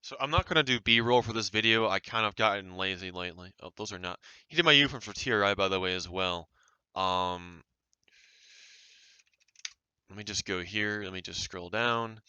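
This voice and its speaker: Man, lowish pitch, very sharp forceful tone, dry close sound, defensive off-the-cuff commentary. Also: normal speed, clean tone, no room sound. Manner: defensive, rambling. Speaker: game developer reacting to a review.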